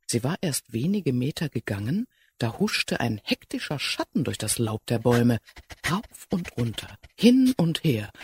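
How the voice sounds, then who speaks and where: A man narrating a children's fairy tale in an expressive, animated way. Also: mid-range voice, husky. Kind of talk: scripted storybook narration.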